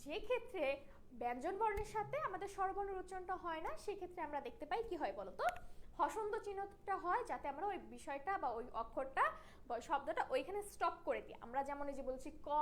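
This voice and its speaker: A woman's voice: very high voice, animated, fast talker, slight background noise. A young woman from Bangladesh teaching a Bangla class online, explaining patiently and checking in with her students. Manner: explanatory, checks in with tag questions.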